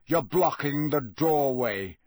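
A man voicing a grim, scarred old male wizard who talks in a gruff, clipped way. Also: on the high side, lively intonation, slow, a little mellow, no room sound, clean studio sound.

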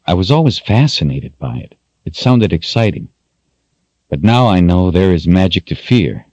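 A man doing a calm, formal young woman. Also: low voice, moderate pace, dry recording, highs cut off. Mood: solemn. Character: steady, solemn young woman traveler.

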